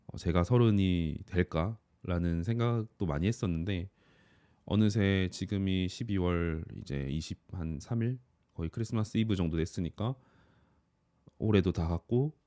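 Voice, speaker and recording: Deep-voiced man of thirty, calm reflection. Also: normal speed, no echo. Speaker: office worker and YouTuber. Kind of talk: reflective personal monologue.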